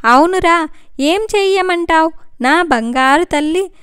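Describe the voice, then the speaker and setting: A worried, tearful middle-aged mother, read by a woman storyteller, pleading as she talks. Her voice sits high. The sound is dry and close. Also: unhurried, a bit bright, dry recording. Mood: sorrowful. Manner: emotional, pleading.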